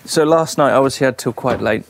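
A man with a medium-pitched voice talks at a normal speed while vlogging casually from inside a van he's building out. He's chatty and pokes fun at himself, sounding worn out from the work, with music in the background.

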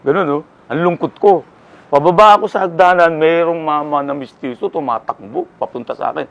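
A man's voice: a little high, a little fast, gravelly, dull audio. An older man, a singer-songwriter guest, telling his story casually and acting out what people said to him. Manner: animated storyteller who acts out what people said.

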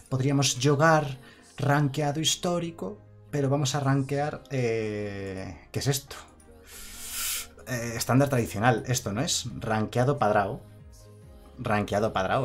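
A man's voice: mid-range voice, unhurried, faint music behind. A man streaming a card game, chatting casually, reading chat aloud and laughing often. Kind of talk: casual live-stream commentary.

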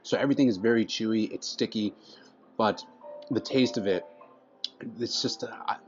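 Speaking at a moderate pace in a lowish voice, this thirty-something food vlogger enthusiastically reviews a meal to camera, often restarting his sentences while he tastes. He's in an indoor restaurant dining room, and the audio is a little dull with soft music behind him.

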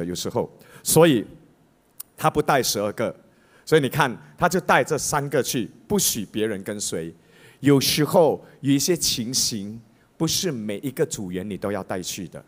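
A man with a Malaysian accent, a pastor preaching a sermon as an animated storyteller who mimics voices. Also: medium pitch.

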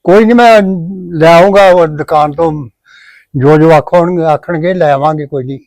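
A man playing an older grandfather who speaks calmly and reassures his family. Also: a little high, unhurried, dry recording. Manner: calm, reassuring. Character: easygoing grandfather, obliging to his wife.

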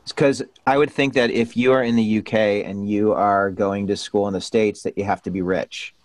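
Upbeat middle-aged male host, low voice. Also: moderate pace, no room sound. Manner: enthusiastic, animated greetings. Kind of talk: upbeat video-call interview. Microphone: studio mic on arm.

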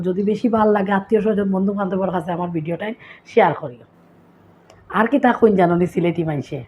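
A woman vlogger with a Sylheti accent, casually explaining local sayings and acting them out with lively bits of storytelling. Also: mid-range voice, slight background noise.

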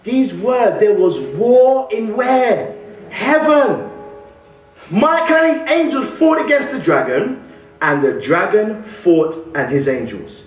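In a large indoor church hall with soft music in the background, a young English guest preacher with a West Midlands accent speaks slowly in a high voice. He's animated, throwing questions to the congregation and gesturing broadly at the pulpit. A pulpit stand mic and far camera leave the sound distant and echoey.

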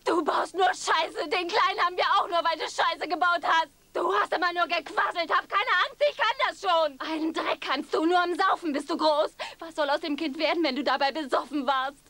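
A woman's voice: very high-pitched, moderate pace, hardly any pauses, pushed and bright. An actress playing a bitter young wife who scolds her husband with biting words, in dubbed film dialogue. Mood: scolding.

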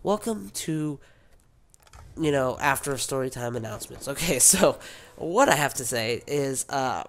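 A man's voice: mid-range voice, lively intonation, a little slow. A man with a sick voice, rambling casually as a gaming YouTuber, with many fillers and restarts. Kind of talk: rambling casual vlog talk.

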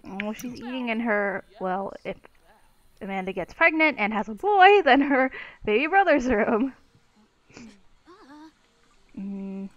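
A woman's voice: a little high, expressive, slow, pauses often, a bit bright, highs cut off. Chatty young woman narrating her gameplay. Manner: chatty, exclamatory, swears casually. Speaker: let's play gamer. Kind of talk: casual gameplay commentary.

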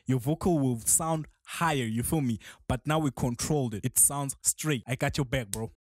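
A man's voice: medium pitch, moderate pace, no room sound, clean studio sound. A man teaching vocal mixing in a casual, slangy tutorial voice-over, often checking in with the listener. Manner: laid-back slangy talk, keeps asking "you feel me".

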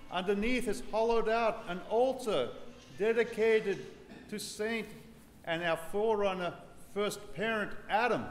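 A man in his thirties, a priest, giving an earnest sermon in a large church, unhurried, building to joyful emphasis. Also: high-pitched, slight background noise. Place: large ornate church with congregation. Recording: echoey church hall, reverb, faint ambience.

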